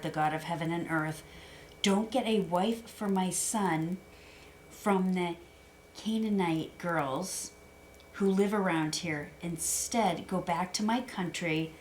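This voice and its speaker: A woman reads scripture passages aloud at a calm, even pace. Her voice sits a little low for a woman. A faint hiss runs under the recording. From United States. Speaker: guest reader. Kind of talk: reading scripture aloud and chatting. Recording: faint background noise.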